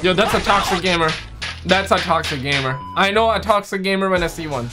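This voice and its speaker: A man's voice: sits high, a little fast. A young man hosting a reaction video with casual, slangy, exclamatory commentary, often repeating his phrases. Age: young adult. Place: home room with green screen. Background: music.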